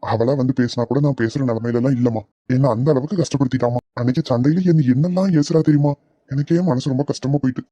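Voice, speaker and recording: A man doing a gentle, gullible young husband in a cartoon, soothing and patient. He talks quickly in a mellow, mid-pitched voice. The recording is close and dry. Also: fairly even intonation, dry recording, natural voice. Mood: hurt. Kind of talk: cartoon voice acting.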